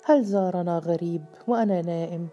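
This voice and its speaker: A woman's voice: fairly low pitch, fairly quick, lo-fi sound, faint music behind, close to an everyday voice. A woman reading the part of a lovesick young man, hesitant and troubled, in a storybook tale. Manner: hesitant, sharp at times.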